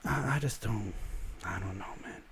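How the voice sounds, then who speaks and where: Hosting a laid-back commentary show, this young South Texas man gets animated and exasperated as he rants about internet headlines, often starting his sentences over. He speaks at a moderate pace in a lowish voice, with a bit of hiss or hum in the background.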